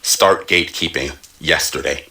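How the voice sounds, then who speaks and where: A man's voice: a bass voice, normal speed, pushed and bright. A man born in Jamaica and raised in America giving an emphatic opinion rant. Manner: emphatic, building intensity.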